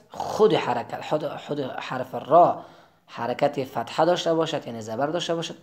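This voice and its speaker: A man teaching Quran reading, drawing each letter sound out slowly between quicker explanations. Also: fairly high pitch. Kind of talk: recorded lesson.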